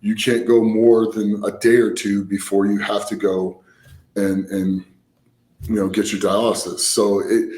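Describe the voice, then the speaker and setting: A man with a lowish, darkish voice chats casually about his own experiences, rambling and explaining as he tells his stories. His delivery is flat and measured, and the recording has a roomy echo with background noise.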